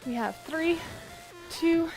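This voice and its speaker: High-pitched female aerobics instructor over music. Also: lively intonation, takes it slowly, poor audio. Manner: encouraging, motivational. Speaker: fitness instructor. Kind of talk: aerobics instructor coaching a workout, counting down. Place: outdoor covered wooden deck by a pond. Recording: music behind the voice. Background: workout music.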